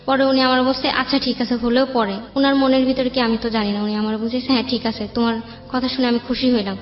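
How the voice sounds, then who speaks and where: A young woman with a Bangladeshi accent speaks fast in a slightly high, flat voice, rambling colloquially about her life as an interview guest. The sound is dull and roomy, with background music.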